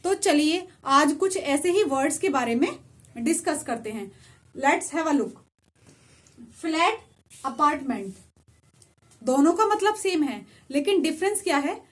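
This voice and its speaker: A woman teaches vocabulary beside a whiteboard, her voice sitting high. She goes patiently through the list, repeating each word before giving its counterpart. Her English asides come slow and careful. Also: lively intonation. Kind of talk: explaining vocabulary to viewers.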